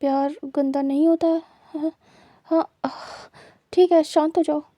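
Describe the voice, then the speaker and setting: A woman's voice: high-pitched, steady tone, measured pace, mellow, no echo, highs cut off. A woman voicing a flustered middle-aged father who defends himself and tries to soothe. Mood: placating. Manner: placating, defensive. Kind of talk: dramatized story reading.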